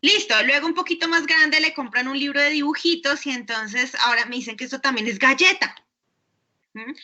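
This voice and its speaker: Bright high-voiced woman lecturing. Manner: frequent checking tags, patient explaining. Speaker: university lecturer. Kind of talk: online class lecture.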